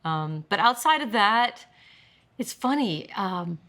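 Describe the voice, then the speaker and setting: Bright-voiced woman telling animated stories. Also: medium pitch, slow pace. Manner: animated storyteller, sings snippets and laughs often. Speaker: singer-songwriter guest. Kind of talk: casual roundtable chat.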